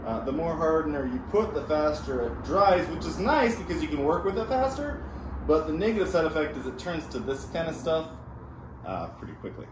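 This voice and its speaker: A man's voice: on the high side, lively intonation, brisk, reverberant. A man in his thirties talking casually through a hands-on repair tutorial, joking at his own expense. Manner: self-deprecating, joking. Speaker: DIY car restoration host. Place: home garage, indoors. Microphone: camera a few feet away. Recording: noisy garage ambience.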